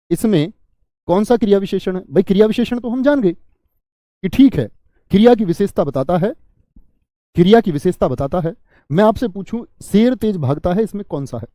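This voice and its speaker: A man's voice: high voice, lively intonation, normal speed, mellow, no echo, studio quality. A man teaching Hindi grammar in an online class, asking students questions, answering them himself and repeating key words.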